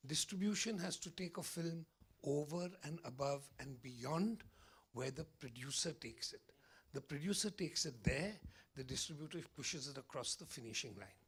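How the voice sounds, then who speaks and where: A man with an Indian English accent, hoarse today, answering confidently as a guest at a film press event. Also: mid-range voice. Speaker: film critic and distribution guest.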